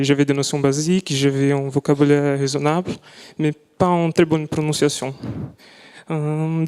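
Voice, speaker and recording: A young man presents his student project, speaking a language that is not his first. He talks carefully, restarts often and searches for words. His voice is slightly high and smooth, with a long reverb from the hall. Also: darkish tone. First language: not French. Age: young adult. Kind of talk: live presentation talk. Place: lecture hall.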